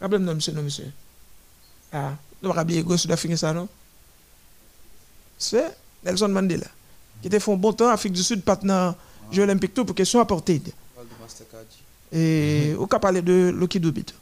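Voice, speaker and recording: With a high voice, a man offers play-by-play of a parade of nations, reading out each one and often stumbling into restarts.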